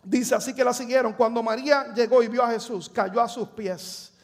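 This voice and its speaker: A pastor from Puerto Rico, speaking with a Puerto Rican Spanish accent, delivers a sermon in a church sanctuary, acting out scripture dramatically and joking with his congregation. His very high voice moves at normal speed with fairly even intonation.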